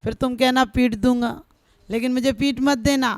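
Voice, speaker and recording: A scheming, bossy housewife in a preacher's folk tale, put on by a woman storyteller. The voice is gravelly, with a smooth, full ring. It is heard dry and close. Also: sits high, fairly even intonation, moderate pace, no echo. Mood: plotting. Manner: bossy, plotting. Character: scheming clever housewife, middle-aged.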